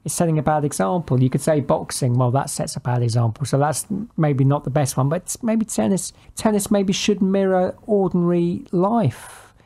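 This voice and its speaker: A man's voice: on the high side, normal speed, hardly any pauses, mellow. A man co-hosting a podcast, talking in a thoughtful, hesitant way with frequent self-corrections. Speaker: podcast co-host. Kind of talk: casual chat.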